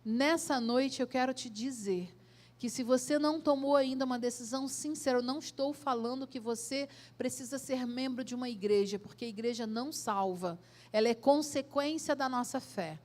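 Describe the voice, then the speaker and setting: A woman pastor with a Brazilian accent preaching a sermon in a church, asking direct questions and swelling loud then dropping soft. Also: high-pitched, normal speed. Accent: Brazilian Portuguese.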